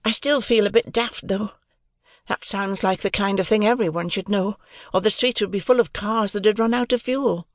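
A flustered young woman in her twenties, soft and apologetic, pitched well up high, as a man puts her on. The voice is close and dry, with no room around it. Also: moderate pace, dry recording. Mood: anxious.

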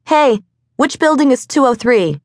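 A woman voicing a determined young city woman from an audiobook, who calls out briskly and defiantly. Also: sits high, lively intonation, dry recording, clean studio sound, pitched above the performer's own voice. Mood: calling out.

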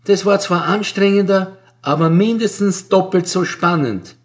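A man's voice: high-pitched, unhurried, pitched above the performer's own voice. A man voicing a bored, sighing older woman postal clerk in an audiobook. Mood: bored, daydreaming. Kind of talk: audiobook character voice.

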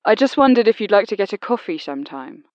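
A woman narrator voicing a polite, low-key male detective in an audiobook. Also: sing-song, fast talker, darkish tone, dry recording, lo-fi sound, close to an everyday voice. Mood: hopeful. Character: calm adult male police detective.

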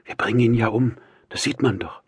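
A man's voice: mid-range voice, fairly quick, husky, no room sound, pitched above the performer's own voice. A man voicing an earnest, proud young sister in an audiobook, speaking urgently. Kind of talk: audiobook character voice.

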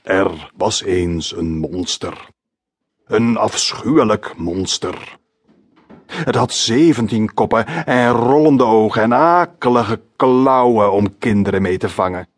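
A man voicing a schoolteacher who tells a monster story to children in a slow, creaking spooky voice. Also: lowish voice, no room sound. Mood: creepy. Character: teacher telling a monster tale in a creaking spooky voice.

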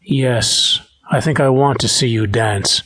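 A man voicing a stern, commanding male dance instructor in an audiobook, speaking in a flat, unaffected tone. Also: medium pitch, takes it slowly, husky, dry recording, studio quality.

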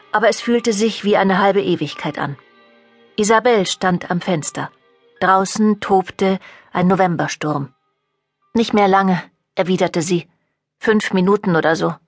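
A woman narrating a fantasy novel in a measured, dramatic storytelling manner. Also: medium pitch, dry recording. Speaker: audiobook narrator. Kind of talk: scripted narration.

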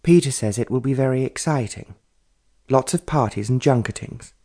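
A man's voice: mid-range voice, moderate pace, mellow, natural voice. A man voicing an eager, curious young woman painter who asks direct questions and answers bluntly.

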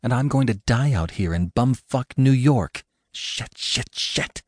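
A man's voice: mid-range voice, lively intonation, moderate pace, warm tone, no room sound, clean studio sound, close to an everyday voice. A male narrator voicing a panicked young woman stranded in a crashed car, pleading frantically for help. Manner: frantic, pleading, breathless cries.

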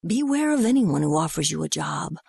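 A woman's voice: low-pitched, very animated, vocal fry, darkish tone, slightly rough, no room sound, studio quality, full character voice. Miss Ticklebaum, woman doing a prim busybody. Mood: officious. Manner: brisk, lecturing and officious. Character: prim, officious young woman, self-important.

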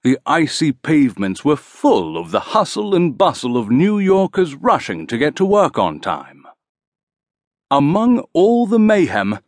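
A man narrates a storybook, his tone rising and falling with expression. He reads slowly and deliberately, in a voice a little higher than usual. The recording is close and dry. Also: no echo. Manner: slow, expressive. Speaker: audiobook narrator.

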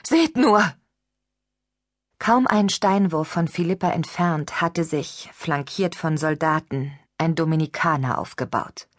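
A woman reading an audiobook in steady, even scripted narration. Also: sits low, a little slow, few pauses, no echo, studio quality. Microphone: studio microphone.

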